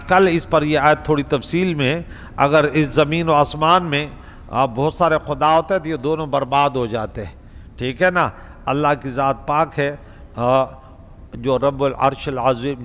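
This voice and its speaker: A man's voice: mid-range voice, a bit bright. A male preacher giving a conversational Quran lesson in a mosque, speaking directly to the congregation. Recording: reverberant prayer hall.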